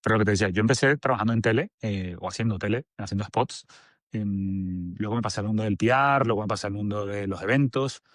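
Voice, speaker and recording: This fast-talking guest is an agency director, a Venezuelan-accented man in his forties with a lowish voice. His casual interview answers wander, full of fillers and false starts, captured in clean studio sound with no echo.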